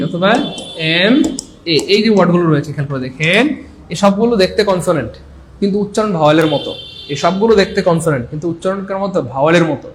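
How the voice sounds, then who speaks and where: A man's voice: high voice, slight background noise. A man with a Bangladeshi accent teaching an exam-prep grammar lesson, repeating points and quizzing his listeners as he goes. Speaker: English teacher.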